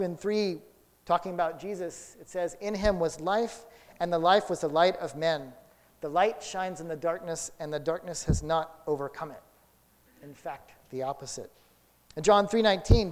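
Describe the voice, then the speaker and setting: A man preaching a sermon, telling a childhood story and then drawing Bible lessons from it, with big swings between loud and soft. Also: a little high. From Houston area. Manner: storytelling, dramatic swings in loudness. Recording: long hall reverb.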